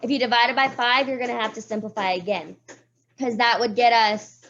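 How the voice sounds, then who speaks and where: A slightly high-voiced woman teaches math in a classroom, explaining each step and calling on pupils by name. Her voice is wearing a little hoarse. The recording is dull and lo-fi. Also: steady tone, fairly quick, fairly bright tone. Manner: walks students through steps, calls on pupils by name. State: voice getting hoarse.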